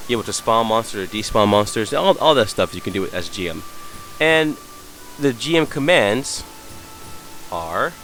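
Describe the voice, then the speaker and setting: A hungover, sick man giving an unscripted software tutorial, hesitant and apologetic as he searches around. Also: fairly low pitch, animated, moderate pace, faint music behind. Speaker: tutorial presenter.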